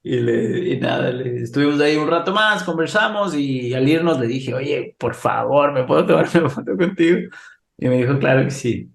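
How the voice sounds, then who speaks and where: Ecuadorian accent man, podcast guest, animated storyteller, laughs a lot, echoey room. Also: mid-range voice, moderate pace, gravelly. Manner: animated anecdote teller, laughs often. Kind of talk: casual storytelling interview.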